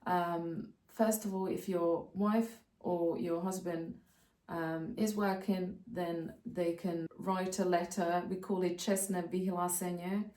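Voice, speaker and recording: A woman, calmly explaining practical steps in a casual vlog, often pausing to think. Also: lowish voice, far from the mic. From Slovakia. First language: Slovak. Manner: practical, step-by-step explaining with frequent hesitations. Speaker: co-host of a channel about moving abroad. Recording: roomy sound, voice off-mic.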